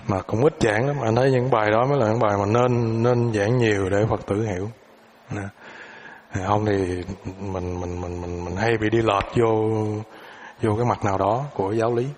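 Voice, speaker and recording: A man teaching a dharma class who takes questions, speaking in a relaxed way and often repeating words as he searches for them. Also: fairly low pitch, moderate pace.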